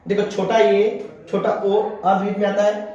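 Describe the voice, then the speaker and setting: A man teaching a class, repeating each point slowly so students can write it down. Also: sits high, little pitch movement, dark tone, muffled recording. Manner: repeats and dictates slowly for note-taking. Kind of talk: classroom lecture dictating notes. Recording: very echoey room.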